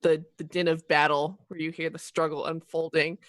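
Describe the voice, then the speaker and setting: A woman acting as game master, narrating a tabletop game in a casual, improvised, halting way. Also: deep voice, flat delivery, no echo.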